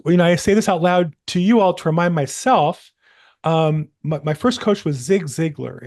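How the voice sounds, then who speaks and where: A man coaching real estate agents over a video call, encouraging and animated, with self-deprecating asides. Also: sits high. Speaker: probate coach hosting a live call.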